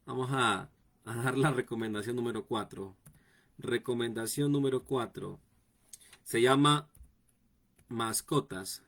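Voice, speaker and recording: A man's voice: mid-range voice, vocal fry, fairly bright tone. A man, a pastor teaching a sermon, repeating phrases and speaking straight to his listeners. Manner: repetitive, direct address to the congregation.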